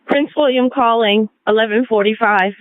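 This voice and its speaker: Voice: medium pitch, normal speed, no echo. A police dispatcher giving a terse, formal radio update as a final call announcement over the radio. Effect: radio transmission. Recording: phone-like narrow-band radio.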